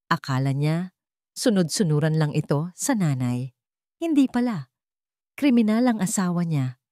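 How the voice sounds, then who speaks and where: A woman with a Filipino accent narrates a scripted dramatic story for an audiobook. Her voice is lowish and a little mellow, captured in a dry, studio-quality recording.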